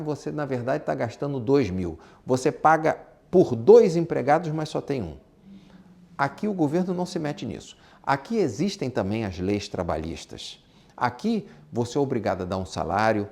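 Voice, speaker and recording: A man with a Brazilian accent teaches an informal lesson on exporting and business. His voice is medium-pitched, creaky and darkish, and he speaks emphatically, repeating his points and posing rhetorical questions.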